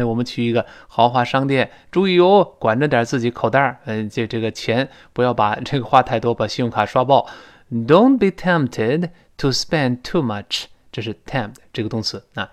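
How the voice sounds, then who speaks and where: A man with a Mandarin Chinese accent leads a spoken English lesson, explaining things patiently. He slowly models phrases for his students to repeat, in a medium-pitched, clean voice.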